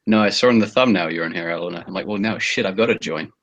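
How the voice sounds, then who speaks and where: A man chats casually in an online group call. His voice is notably deep. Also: fast, a bit bright, muffled recording. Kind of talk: casual chat. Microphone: internet group call.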